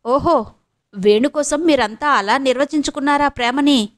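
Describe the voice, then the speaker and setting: A woman reading an audio novel, voicing a young wife who is anguished and quick to anger, in a higher, emotional voice. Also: natural voice. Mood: heated. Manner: emotional, raised dialogue voice.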